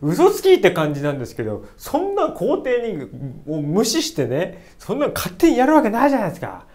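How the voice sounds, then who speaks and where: Male history teacher, casual lecture, very lively intonation, quick jokes and blunt asides. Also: sits high. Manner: animated, joking, blunt asides.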